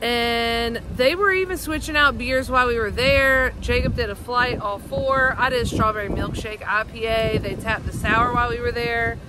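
A woman's voice: a little high, normal speed, hardly any pauses. Lady co-host chatting beer outside, noisy street sound behind. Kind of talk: casual review chat. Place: outdoors by a parking lot.

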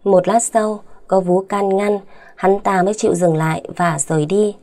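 A woman narrating a dramatic audio story with a steady, even delivery. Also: mid-range voice, normal speed.

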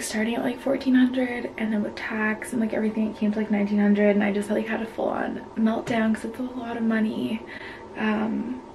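A woman in her twenties talking to camera in a casual vlog, soft and low-key, often close to a whisper, stressed and anxious. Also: slight background noise, low-quality recording. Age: 20s. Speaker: vlogger.

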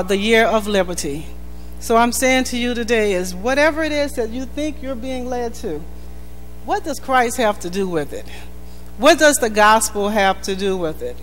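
Woman pastor, sermon, higher register, emphatic repetition; long church reverb. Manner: earnest, emphatic preaching with measured repetition. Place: church sanctuary. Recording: reverberant church hall with faint music.

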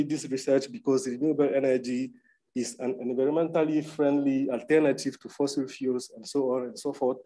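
A man from Cameroon presents slides as the moderator of an academic panel, talking conversationally and often checking in with tag questions. His voice is dark and mellow, at a middle pitch. He is heard over a video call. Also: low-quality recording.

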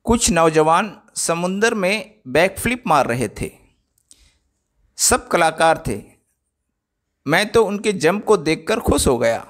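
High-voiced man narrating a travel vlog. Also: sing-song, takes it slowly, long pauses, a bit bright. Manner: explanatory, addresses viewers directly. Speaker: travel vlogger.

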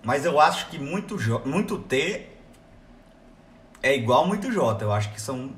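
A Brazilian man hosting a live stream from home by his computer, chatting in a casual, excitable way. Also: medium pitch, normal speed, echoey room. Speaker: livestream host.

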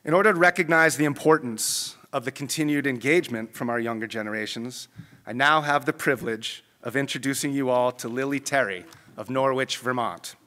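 A man's voice: mid-range voice, bright, forceful tone. Man giving formal remarks in a hall. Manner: measured, formal delivery. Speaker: conference host. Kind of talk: prepared welcome remarks. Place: large conference ballroom. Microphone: podium microphone. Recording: long hall reverb.

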